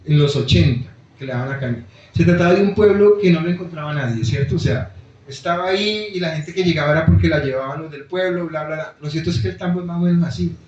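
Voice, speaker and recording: A man's voice: a little high, a little mellow, slight background noise. A man giving a public talk about his book in a bookstore, explaining things directly to the audience. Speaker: author presenting his book. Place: bookstore event room. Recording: very echoey, dull lo-fi room sound.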